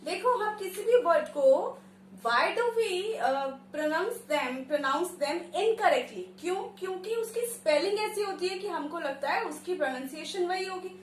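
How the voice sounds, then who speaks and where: Indian-accented woman, pronunciation teacher, high and slow, mixes Hindi and English, roomy recording. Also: lively intonation, slight background noise. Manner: slow, deliberate, drawn-out example words.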